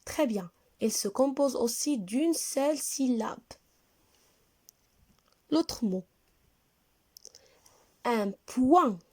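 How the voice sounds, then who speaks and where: A woman teaching a reading lesson to young children, speaking slowly and clearly and spelling words out letter by letter. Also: fairly high pitch, animated. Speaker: primary school teacher.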